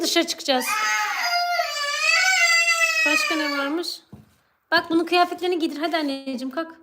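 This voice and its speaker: A woman filming a home vlog, coaxing and soothing her crying children while talking to viewers. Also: high-pitched. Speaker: mother and channel host. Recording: loud background noise.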